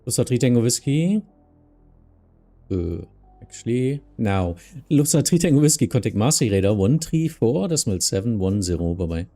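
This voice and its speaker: A man's voice: mid-range voice, sing-song, moderate pace, dark tone, soft background music. A man with a German accent streaming as an air traffic controller, mixing radio phraseology with casual remarks.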